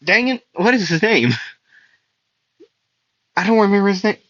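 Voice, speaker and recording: A man's voice: sits high, normal speed, a bit bright, no echo. A young man improvising a fan-fiction story, rambling with many fillers and self-corrections. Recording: dull lo-fi dry recording.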